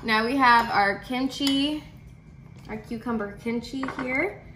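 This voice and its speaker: A woman hosting a casual home cooking vlog, chatty and excited, tasting and explaining as she goes. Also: on the high side, slow, noisy background. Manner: excited, chatty, lots of mm sounds. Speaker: cooking channel host. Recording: roomy room with background music.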